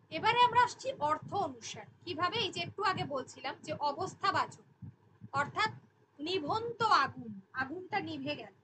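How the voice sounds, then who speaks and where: A woman's voice: extremely high pitch, background noise. A woman teacher explaining grammar in an online class, patiently working through examples.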